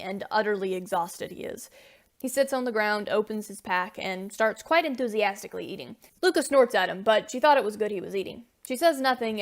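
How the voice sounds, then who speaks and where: A woman narrating a scripted story in a brisk storytelling style. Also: a little high.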